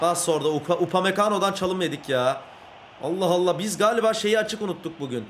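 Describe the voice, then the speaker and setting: A man giving excited live commentary on his football video game, yelling at and scolding his players, then dropping to a mutter, recorded in a room at home at night. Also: high-pitched, fast, slight background noise. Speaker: gaming YouTuber.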